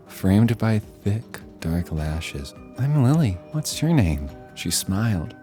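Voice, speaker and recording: A man with a deep, low voice narrates a horror story. He tells it in a wry, self-deprecating way, and faint music plays under him. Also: a little mellow.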